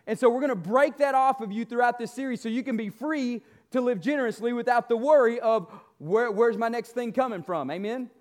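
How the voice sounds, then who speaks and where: A man's voice: very high voice, a little fast, hardly any pauses. A male pastor delivers a church sermon. He exhorts and motivates, leaning on emphatic repetition and calling for agreement. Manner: exhorting, motivational, seeking amens from listeners; emphatic, repeats key phrases.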